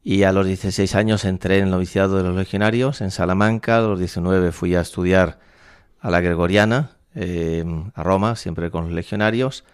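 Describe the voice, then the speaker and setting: A man in his sixties from La Mancha in Spain, a priest, speaking thoughtfully with frequent pauses in a radio studio interview. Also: deep voice, fairly even intonation, smooth, dry recording. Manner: thoughtful, measured, with frequent hesitations. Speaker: priest and university rector. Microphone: studio microphone.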